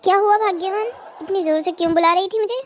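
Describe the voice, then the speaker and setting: A woman's voice: extremely high pitch, fast talker, some chatter behind. A woman voicing a rich, self-assured village man in a cartoon drama, polite but firm.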